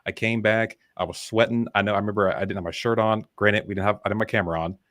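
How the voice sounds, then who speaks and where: Fast-talking low-voiced young man. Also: fairly even intonation, a bit bright, dry recording, studio quality. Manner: candid, storytelling, self-deprecating. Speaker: podcast guest, business founder. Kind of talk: casual conversational interview.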